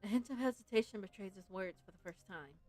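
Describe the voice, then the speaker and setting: Her mid-range voice is fast and a little mellow. She's a game streamer broadcasting live, casually chatting and reading the story aloud in a playful, giggly way over the game's music.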